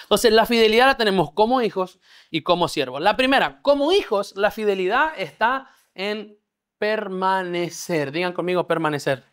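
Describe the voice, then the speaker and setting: A man's voice: high-pitched, sing-song, brisk, a bit bright. A man preaching a discipleship sermon. He teaches a live congregation in church, keeps checking that they follow, and has them repeat words back to him. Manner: checks understanding, leads call-and-response. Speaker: pastor.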